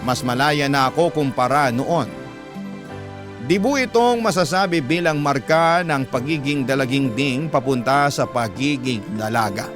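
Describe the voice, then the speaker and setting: A man with a Filipino accent and a mid-range voice narrates unhurriedly as a radio storyteller. His delivery is emotional and scripted in a classic radio style, with music in the background.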